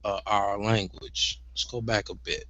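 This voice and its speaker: A man's voice: little pitch movement, measured pace, pushed and bright. A man hosting casual reaction commentary in a blunt, profane manner. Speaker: host. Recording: slightly dull low-fidelity audio.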